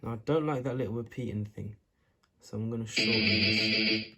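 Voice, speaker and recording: A man with a lowish, fairly even voice talks at a moderate pace through an informal, screen-recorded music tutorial, demonstrating step by step and thinking aloud as he works. He can't pronounce R's properly, so they come out sounding like W's.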